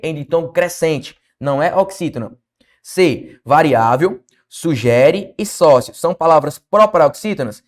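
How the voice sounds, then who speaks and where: A Brazilian man with a fairly high voice leads an exam-prep grammar lesson, close to the mic. He keeps asking the class questions and answers them himself, with a lively, coaching manner. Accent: Brazilian Portuguese. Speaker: teacher.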